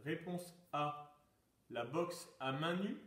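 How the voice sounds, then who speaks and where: This lockdown quiz-and-exercise session features a fairly high-voiced man who speaks slowly, with lively intonation and a slightly bright tone. He poses sport trivia questions to his pupils, reads each answer choice like a teacher, and cries "top!" as each exercise begins. The mic sits far from him in a reverberant room.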